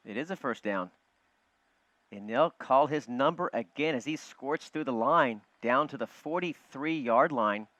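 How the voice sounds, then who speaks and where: A man's voice: medium pitch, lively intonation, a bit bright, no echo. Man calling football play-by-play. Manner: quick, chatty, jokes with his partner. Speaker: play-by-play announcer. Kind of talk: live football play-by-play commentary. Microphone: broadcast booth headset. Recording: dull, muffled broadcast audio.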